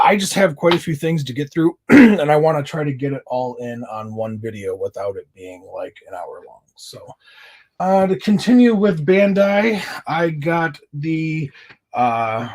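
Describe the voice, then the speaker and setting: A man's voice: on the high side, darkish tone. A man talking casually in a collector haul video, chatty and enthusiastic, with many fillers. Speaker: collector vlogger.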